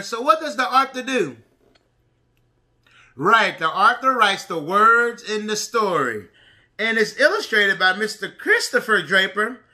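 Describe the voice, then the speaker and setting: A woman reads to young pre-K children, asking them simple questions and pronouncing key words with emphasis. Her voice is a little high, pushed, and bright.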